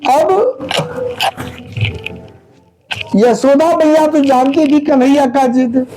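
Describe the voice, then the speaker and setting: A man's voice: very high voice, very slow, music in the background, rough recording. A man preaching a devotional sermon, retelling a sacred story dramatically with many repetitions.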